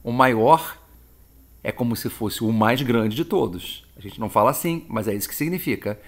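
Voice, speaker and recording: Lively male teacher explaining grammar. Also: medium pitch. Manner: lively and explanatory, slows down to model English phrases. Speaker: English teacher. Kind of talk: grammar lesson.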